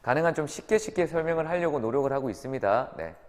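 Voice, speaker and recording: A man's voice: on the high side, expressive, quick pace, a little mellow. A man teaching an English grammar lesson to students, often checking in with short tag questions. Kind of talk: classroom grammar lecture. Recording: reverberant lecture room.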